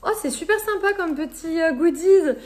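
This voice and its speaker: A woman's voice: extremely high pitch, moderate pace, darkish tone. A woman chatting casually to camera as she unboxes her shop parcels, gushing and laughing often, a little tired. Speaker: vlogger and shop owner.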